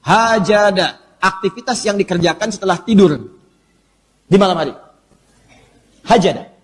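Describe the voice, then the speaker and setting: A male preacher gives an Islamic sermon in an animated, humorous, teasing way. He is in a mosque hall. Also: high-pitched, normal speed. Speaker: preacher, ustaz. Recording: long hall reverb.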